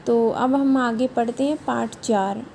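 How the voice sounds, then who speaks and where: Woman, primary school teacher, patient step-by-step explaining, frequent check-in questions, mellow tone, faint background noise. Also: fairly high pitch, a little slow, vocal fry. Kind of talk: recorded Hindi revision lesson for young children.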